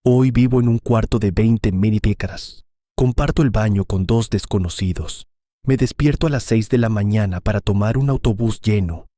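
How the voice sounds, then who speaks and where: A man reading as a grown son full of regret, his low, dark, mellow voice moving slowly and heavily through a confession to his mother. The sound is dry and close, like a storybook read straight into the mic. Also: dry recording, close to an everyday voice. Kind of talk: scripted audio-story reading.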